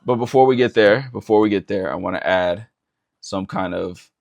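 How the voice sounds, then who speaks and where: A man talking casually while working on vocals in a home studio, relaxed and self-deprecating. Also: fairly low pitch, moderate pace, vocal fry. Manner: relaxed, self-deprecating, laughs at own attempts. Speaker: indie musician recording vocals. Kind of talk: casual vlog talk.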